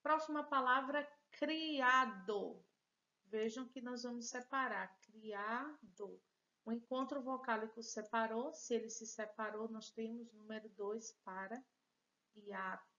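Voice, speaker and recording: A woman's voice: on the high side, fairly even intonation, moderate pace, bright, forceful tone, dull audio. A woman teacher with a Brazilian Portuguese accent, giving a patient, encouraging lesson and joking about her own handwriting. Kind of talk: recorded remote class lesson.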